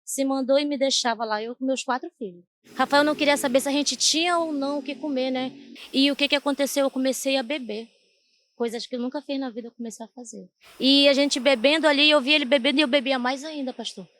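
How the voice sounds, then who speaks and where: A woman's voice: sits high, steady tone, fast talker, fairly bright tone. A woman giving an earnest church testimony, often turning to address the pastor. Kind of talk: emotional personal testimony.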